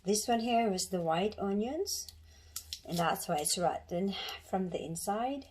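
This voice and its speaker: A woman's voice: medium pitch, lively intonation, measured pace. Woman from the Philippines, home cook vlogger, chatty and rambling, kitchen with a noisy recording. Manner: chatty, rambling, with many restarts and fillers. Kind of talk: casual cooking demonstration.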